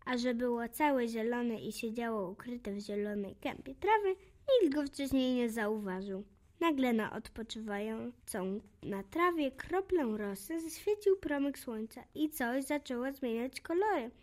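A woman narrating a children's story in an expressive, gently animated way. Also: a little high, unhurried.

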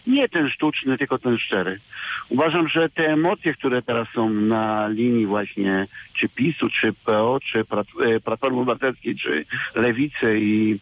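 A male caller on a radio phone-in, heard through a muffled, lo-fi phone line at a middle pitch. He speaks earnestly and steadily, pausing with filler sounds as he makes his point. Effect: caller heard over a phone line on radio. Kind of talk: phone-in opinion.

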